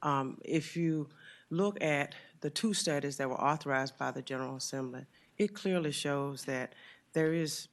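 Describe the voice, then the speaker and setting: Earnest man testifying at a hearing. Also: fairly high pitch. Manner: earnest, deliberate, with pauses and fillers. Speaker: witness testifying before a committee. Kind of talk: formal public testimony. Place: legislative committee room.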